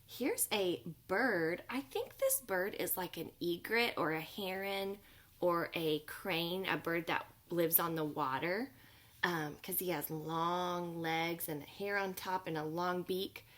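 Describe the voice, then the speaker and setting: Preschool teacher, woman, storytime read-aloud, bright, slow and very expressive. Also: fairly low pitch. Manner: gentle and expressive, unhurried. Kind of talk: reading a picture book aloud to children. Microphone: home video recording.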